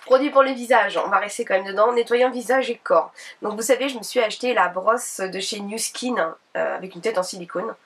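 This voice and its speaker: A woman's voice: mid-range voice, brisk, a bit bright, husky. A French woman chats through her beauty and shopping haul at home, stumbling into fillers and restarts as she goes. Her voice carries a faint husk. The camera mic sits a little way off, so she sounds somewhat distant. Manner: chatty, many fillers and restarts. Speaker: beauty vlogger. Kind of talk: casual haul video, showing products.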